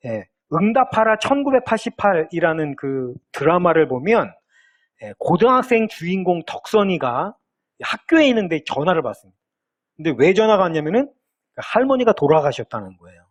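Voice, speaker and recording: A man's voice: high-pitched, sing-song, moderate pace. A male pastor in his thirties preaching a sermon, retelling a television drama scene as a story. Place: church sanctuary.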